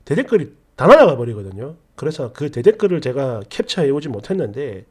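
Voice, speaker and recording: Chatty woman narrating with lively pitch. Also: fairly quick, slightly rough. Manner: chatty, indignant storytelling. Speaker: story channel narrator. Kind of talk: reading an online story aloud.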